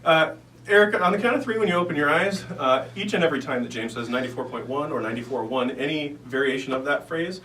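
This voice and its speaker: A man's voice: fairly high pitch, quick pace, bright, forceful tone. A man speaking as a stage hypnotist and radio guest, chatting and giving instructions. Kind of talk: conversational interview and hypnosis instructions. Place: radio studio. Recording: echoey room, distant mic, faint hum.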